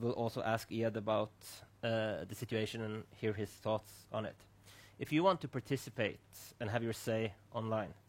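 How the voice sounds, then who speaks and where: A man hosting a streamed discussion, giving a formal, scripted introduction with small restarts. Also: medium pitch. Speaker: host. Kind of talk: moderating a panel talk. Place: online streamed event.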